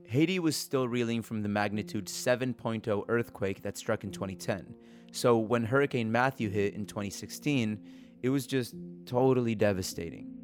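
A man reporting and hosting, telling a documentary story in a steady, earnest way. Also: on the low side, moderate pace, over music. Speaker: podcast reporter and host. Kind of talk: documentary podcast narration.

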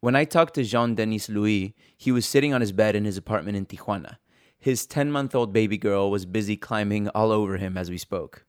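Recorded with studio quality and no echo, a man whose voice is on the low side narrates from a script. He is a podcast host and reporter, and music runs in the background.

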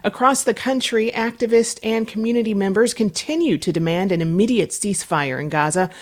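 A woman in the host's chair of a public radio show. She reads her introductions in a measured, scripted way and then puts questions to her guest. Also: medium pitch. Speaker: radio host.

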